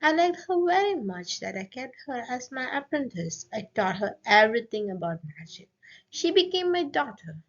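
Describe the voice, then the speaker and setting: A woman voicing a sly, scheming old witch who speaks in a measured, coolly superior way. The audio is dull and lo-fi. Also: high-pitched, sing-song, full character voice. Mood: sly, pleased.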